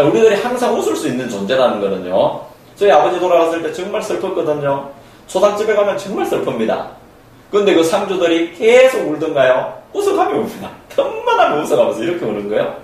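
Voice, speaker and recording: A man's voice: fairly high pitch, a little mellow. A man giving a spoken lecture as a counselor, emphatic and repetitive, acting out the voices he quotes. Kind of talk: spoken lecture on human nature. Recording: very echoey room, from far off.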